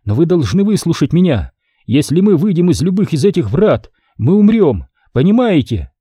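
A man's voice: a little high, big pitch swings, normal speed, husky, dry recording, clean studio sound, pitched above the performer's own voice. A man voicing a tense, urgent woman. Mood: pleading. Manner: urgent, strained, at times shouting. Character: tense female navigator, woman on edge. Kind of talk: audiobook character reading.

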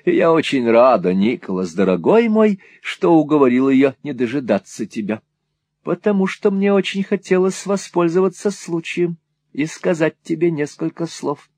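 A man's voice: on the high side, animated, moderate pace, darkish tone, dry recording, voice pushed up. A man reading an audiobook, voicing a rambling, scatterbrained middle-aged mother who drifts from topic to topic. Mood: chattering. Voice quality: rambling, breathless digressions.

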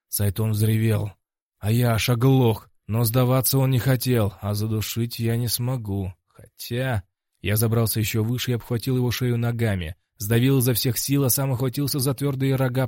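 A man narrating an action audiobook in the first person, in an even, matter-of-fact manner. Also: mid-range voice, no echo, clean studio sound.

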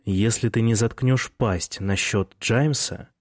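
A man doing a cold, quietly menacing guy. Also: on the low side, takes it slowly, no echo, clean studio sound.

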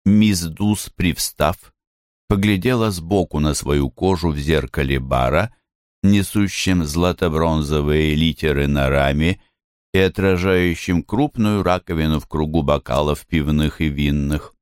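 A man narrating a literary audiobook in a measured, expressive reading. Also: a bass voice, clean tone, no room sound, clean studio sound. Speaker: audiobook reader.

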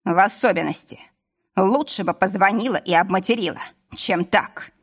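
A woman reading an audiobook, voicing a drunk, jealous but loving husband who talks bluntly and roughly. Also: medium pitch, moderate pace. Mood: earnest. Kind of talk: audiobook character voice.

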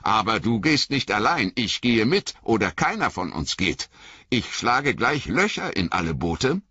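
A man's voice: on the low side, very animated, a little slow, bright, forceful tone, breathy edge, no room sound, dull audio, pitched above the performer's own voice, exaggerated voice. A man voicing Sam, a loyal, anxious young male hobbit servant, pleading and breathless in an audiobook reading. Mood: determined.

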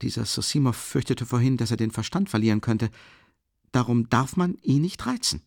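Babbling drunk young man in an audiobook, as a male narrator does him, gushing and excitable, his voice leaping high and swooping low with a gravelly rasp. The words tumble out effusively, close and dry. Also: normal speed, no echo. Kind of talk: audiobook character voice.

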